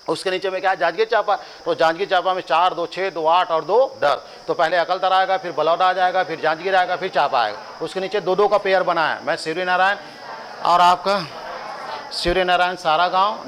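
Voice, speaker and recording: A man's voice: high voice, fairly bright tone, slight background noise, poor audio. A man with a Chhattisgarhi accent teaching a coaching class, drilling lists by rhythmic repetition with joking asides to students. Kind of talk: classroom lecture with chanted drills.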